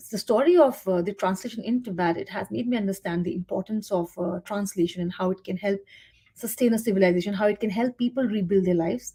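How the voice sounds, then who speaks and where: A guest writer and translator from India, whose first language is Hindi, gives conversational interview answers in a soft, husky, medium-pitched voice. She is thoughtful, with many fillers and restarts.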